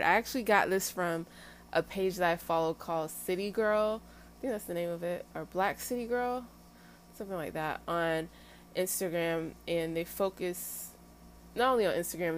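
A woman's voice: fairly low pitch, a little hiss or hum. A young adult woman talking candidly to her viewers, chatty and emphatic, with laughing asides. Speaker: vlogger sharing dating lessons. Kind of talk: casual personal talk to camera.

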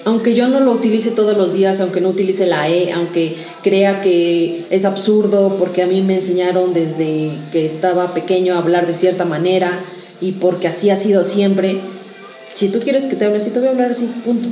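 Woman pushing back in a podcast debate, warm mellow voice, roomy echo, quiet music under it. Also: on the low side, steady tone, normal speed. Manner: argumentative, acts out hypothetical quotes. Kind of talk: casual debate chat.

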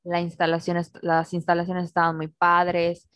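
A woman's voice: lowish voice, completely flat delivery, moderate pace, no echo. A woman with a Mexican accent, co-hosting a casual podcast chat and reacting with slang. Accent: Mexican Spanish.

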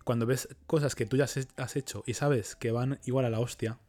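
A man from hosting a casual podcast chat, reflective and soft-spoken, often trailing off. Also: mid-range voice, steady tone, fairly quick.

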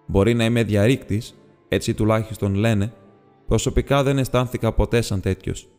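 A man's voice: lowish voice, fairly even intonation, darkish tone, lightly acted. A man reading the part of a polite, businesslike male hobbit burglar in an audiobook, speaking in a courteous, precise and slightly formal way. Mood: sheepish. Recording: long reverb with faint music.

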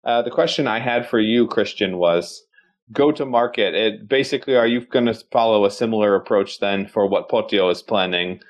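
A man's voice: on the low side, normal speed. A man speaking as an investor on a panel, asking questions conversationally and thinking aloud.

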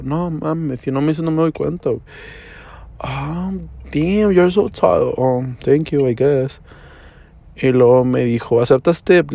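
A man's voice: medium pitch, a little mellow, no echo. A young man from Mexico, talking casually to camera in a vlog, full of slang and swearing, slipping into English mid-sentence. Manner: slangy, profane, storytelling with code-switching.

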